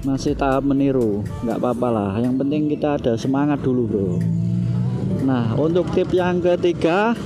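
A man's voice: mid-range voice, normal speed, loud music behind the voice. A young man vlogging from a motorbike in city traffic, hesitant and repetitive, calling the viewer "bro" a lot. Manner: hesitant, repeats himself, says "bro" a lot. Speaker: motovlogger. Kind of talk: casual motovlog talk while riding.

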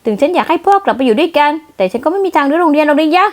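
A woman voicing a feisty, sharp-tongued young woman executive who snaps back indignantly, in a manga dub. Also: high voice, animated, rapid-fire, voice pushed up. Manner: snappy, indignant.

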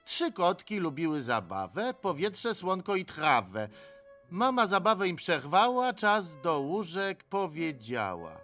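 An actor dubbing a grumpy middle-aged male supervillain in an animated film, speaking in a gruff, exasperated, sarcastic way. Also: sits high, unhurried, soft background music, heavily acted. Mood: reluctant reading. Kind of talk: animated film dub acting.

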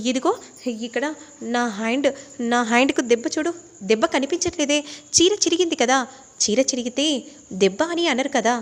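A woman's voice: high-pitched, natural voice. A woman voicing a young woman who sharply questions an accuser.

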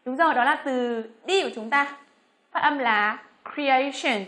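A Vietnamese woman teaching English pronunciation, speaking slowly on her model words between quicker explanations. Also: high voice, fairly bright tone. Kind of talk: pronunciation lesson.

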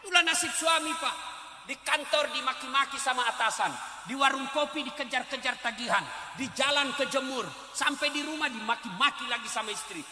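A middle-aged man preaching a lively, joking sermon, acting out wives and husbands in put-on voices. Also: extremely high pitch, fairly quick. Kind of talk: sermon at a large public gathering. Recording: echoey hall with long reverb.

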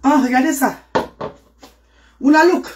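A woman's voice: sits high, unhurried, noisy background. A woman talking live to her viewers in a casual stream, exclamatory and greeting people by name.

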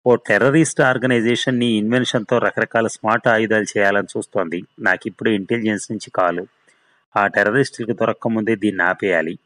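A man's voice: lowish voice, steady tone, fast talker, a bit bright, no room sound, close to an everyday voice, rough recording. A man voicing a stern male company boss who speaks curtly and commandingly. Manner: curt and commanding.

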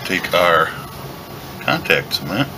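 A man giving a relaxed, step-by-step leatherworking tutorial while he works at a workshop bench, recorded by a camera above the bench. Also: deep voice, takes it slowly, noisy background. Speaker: leatherworking instructor. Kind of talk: hands-on craft tutorial.

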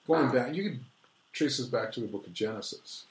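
A man speaking as an author and guest, lecturing at length in a casual interview. He restarts his sentences a lot while explaining. His voice sits at a middle pitch and rings in a roomy, echoey space. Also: brisk. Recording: roomy echo.

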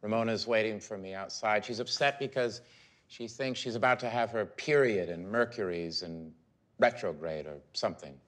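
A man's voice: fairly low pitch, moderate pace, fairly bright tone. A man giving rambling, neurotic first-person comic narration in a mockumentary. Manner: neurotic, self-absorbed, rambling.

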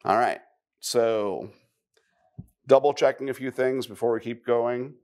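A man giving a live technical conference talk, conversational, with wry asides and quick questions to the audience. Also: mid-range voice, fairly even intonation, darkish tone. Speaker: conference speaker.

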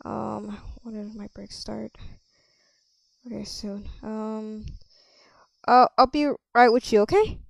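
A woman role-playing a cafe server in a game, chatting with customers and thinking out loud with lots of ums. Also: medium pitch, steady tone, takes it slowly, gravelly, long pauses, no room sound. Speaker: player running a cafe. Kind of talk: casual game role-play.

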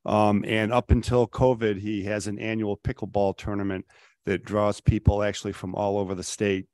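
A middle-aged man, a city councilor, giving his report at a council meeting, rambling with many ums and clear enthusiasm. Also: fairly low pitch, little pitch movement, normal speed, darkish tone, no room sound. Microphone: table microphone.

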